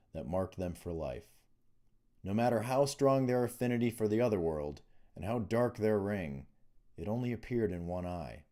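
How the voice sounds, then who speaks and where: An author reads aloud from his own fantasy novel, delivering the written text as scripted audiobook storytelling. His voice is low, with a dark, soft-edged timbre.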